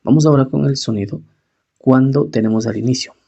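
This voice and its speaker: A man teaching English pronunciation, slowly repeating each word several times. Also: medium pitch, creaky, dark tone. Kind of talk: pronunciation lesson. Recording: dull, lo-fi recording.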